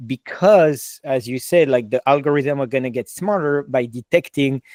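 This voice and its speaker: A podcast host with a French accent talks in an easy, chatty way. He is enthusiastic and fills his sentences with "like" and "you know". His medium-pitched voice is recorded close and dry. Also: normal speed, a little mellow, dry recording. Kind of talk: casual interview chat.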